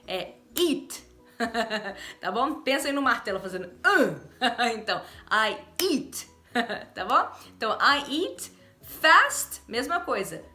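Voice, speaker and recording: A Brazilian woman teaching English in a casual online lesson, cheerful, laughing often and slowly drilling example phrases. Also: a little high, animated, pushed and bright, faint music behind. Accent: Brazilian Portuguese. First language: Portuguese.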